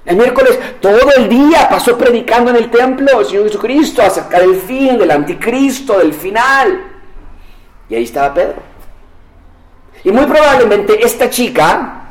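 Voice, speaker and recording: Man, pastor, sermon, high voice, voices the characters he quotes. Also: normal speed, slight background noise, poor audio. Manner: acts out quoted voices of biblical figures; animated, shifts between hushed and raised delivery.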